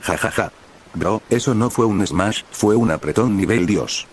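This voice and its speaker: A man's voice: fairly low pitch, unhurried, a little hiss or hum, natural voice. A man voicing a cheerful, easygoing teenage boy with a slangy, laughing manner.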